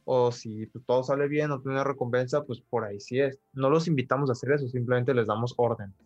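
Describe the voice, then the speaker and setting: A man's voice: medium pitch, steady tone, fast talker, darkish tone, no echo, lo-fi sound, soft background music. A man in casual podcast talk, thoughtful and full of filler words. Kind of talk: casual conversation.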